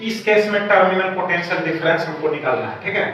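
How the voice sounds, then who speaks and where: A man's voice: sits high, fast, a bit bright. A man teaching a physics lesson, explaining each step and often checking with the class. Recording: echoey room, distant mic, dull sound, faint hiss.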